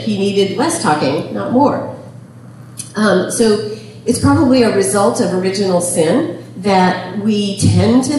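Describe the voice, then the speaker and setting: A woman's voice: medium pitch, darkish tone, far from the mic, a little hiss or hum. Woman talking in an echoey room. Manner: chatty, laughing often, many ums. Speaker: speaker on temperament. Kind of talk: talk to an audience.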